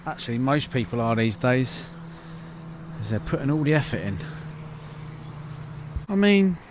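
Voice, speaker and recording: A man's voice: mid-range voice, moderate pace. A man chatting casually as he films remote control car racing outdoors at a track, thinking aloud as he goes. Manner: chatty, informal, thinking aloud while filming. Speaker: RC channel host at a race track. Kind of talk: casual vlog commentary. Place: outdoor RC race track in the evening. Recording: noisy outdoor camera audio. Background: RC cars and track ambience.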